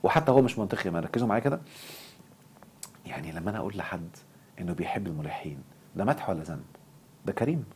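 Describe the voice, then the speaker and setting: A man with an Egyptian Arabic accent giving an impassioned self-development lecture, animated and quick to swing into mock outrage. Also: low-pitched, slight background noise.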